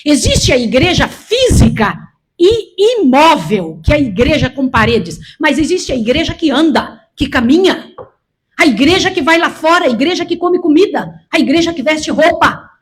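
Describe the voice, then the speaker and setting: Here the sixty-year-old Brazilian preacher speaks at normal speed in a high-pitched, expressive voice. Addressing a church congregation as a missionary, she repeats herself emphatically and gives her listeners direct commands.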